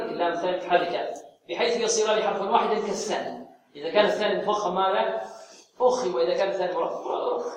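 A man teaching Quran recitation rules, who asks his class questions and then answers them himself and draws out words slowly to show how they are said. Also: high voice, a little hiss or hum. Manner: demonstrates pronunciation slowly and drawn out. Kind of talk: tajweed lesson. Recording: very echoey room, voice far from the mic.

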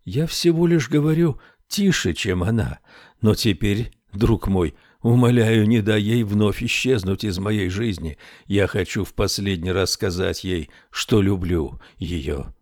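Man doing a quiet pleading husband's ghost. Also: fairly low pitch, a little slow, no room sound, clean studio sound, close to an everyday voice. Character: ghost of a loving old husband, gentle.

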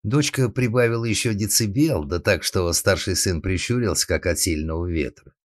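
Man, audiobook narrator, very deep voice, dry close sound, steady ironic telling. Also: moderate pace, no echo.

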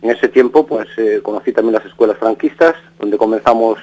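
A man's voice: on the low side, a little fast, warm tone, poor audio. Man telling a long story. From Galicia, Spain. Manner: rambling, frequent restarts and tag questions. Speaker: interviewee. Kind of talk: casual recounting. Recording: radio broadcast.

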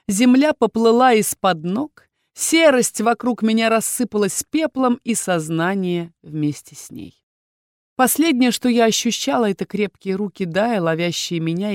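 A woman's voice: mid-range voice, a little mellow, no room sound. Woman reading an audiobook, dry sound. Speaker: audiobook reader. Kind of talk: scripted first-person narration.

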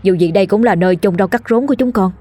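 A woman voicing a young man who gently comforts his parents before leaving. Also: mid-range voice, quick pace, no echo, soft background music, natural voice. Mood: reassuring. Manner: reassuring.

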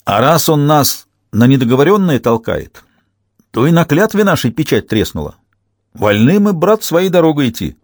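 A man playing a sly troublemaker soldier with a raised, lively voice, snapping and scheming under his breath. Dry, close storybook reading. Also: on the high side, no room sound, voice pushed up. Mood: grumbling. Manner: quick, snapping, conspiratorial.

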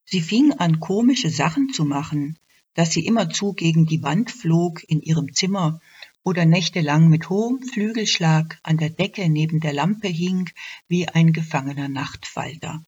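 A woman telling a fairy tale for radio in a calm, measured way. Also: low voice, slightly rough. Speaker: storyteller. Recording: dull lo-fi radio recording.

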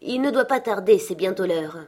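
A woman's voice: mid-range voice, moderate pace, lightly acted. A woman reading aloud gives voice to a grieving mother of a poor family, who speaks steadily while holding back sorrow. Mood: tender, grieving. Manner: steady voice with a thin cheerfulness.

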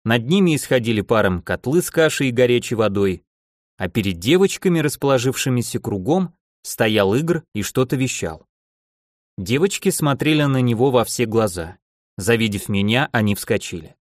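Man reading an audiobook, pitch goes all over, really dry close mic. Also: lively intonation, moderate pace, no echo. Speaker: audiobook narrator. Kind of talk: audiobook narration.

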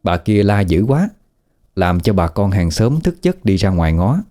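Calm guy narrating a ghost story, lowish dark voice, soft music in the back. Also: moderate pace.

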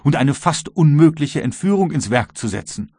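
A male audiobook reader voicing a worried but resolute ship captain, with a husky voice. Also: a little high, expressive, moderate pace, mellow, no room sound, clean studio sound, voice pushed up. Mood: earnest. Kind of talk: audiobook reading.

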